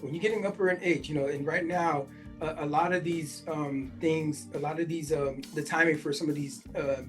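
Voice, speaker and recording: A man's voice: on the high side, fairly even intonation, normal speed, faint music behind. A man in his forties hosting a podcast, reading a news article aloud and stopping often to react in casual asides full of fillers. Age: 40s. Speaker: podcast host.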